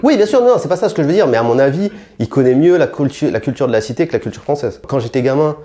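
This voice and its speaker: Speaking fast with a warm tone and lively intonation, a young French rapper gives blunt, provocative interview answers riddled with fillers and restarts. When heated, he pushes up in pitch and force.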